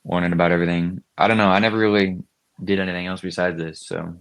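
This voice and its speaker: Very deep-voiced laid-back young man. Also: little pitch movement, fast. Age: young adult. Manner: laid-back, short understated answers. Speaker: guest racer. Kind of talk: interview answers.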